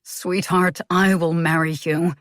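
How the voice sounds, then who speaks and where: A woman voicing a calm, tender male suitor who murmurs softly. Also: on the low side, slow, dry recording, studio quality. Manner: soft, murmuring. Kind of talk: audiobook character voice.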